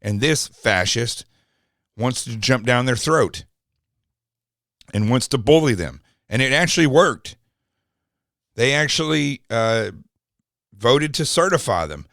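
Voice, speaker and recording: A man's voice: medium pitch, animated, slow, pauses often, a bit bright, no room sound, clean studio sound. A man hosting a podcast, talking in an indignant, mocking, rambling way about a news clip. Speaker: podcast host. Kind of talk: opinionated commentary.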